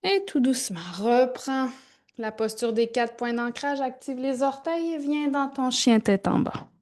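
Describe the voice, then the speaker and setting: A yoga instructor with a fairly high voice speaks very slowly, pausing between short, gentle cues. Her informal, calm delivery feels as though she's moving through each posture with the class.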